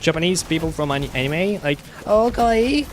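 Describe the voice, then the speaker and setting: A man streaming a game and chatting casually with his viewers, his English carrying a slight British tinge. He speaks in a halting, stop-start way, full of fillers and restarts. His voice sits at an ordinary middle pitch, with a steady noise running underneath. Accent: slight British-sounding English, learned at school. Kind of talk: casual chat while gaming live.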